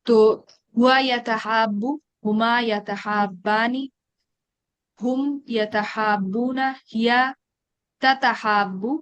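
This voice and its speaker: A woman teaching an Arabic grammar class in an online meeting, reciting verb conjugations slowly and explaining in quick asides. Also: on the high side, fairly even intonation, fairly bright tone, dry recording. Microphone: online meeting call.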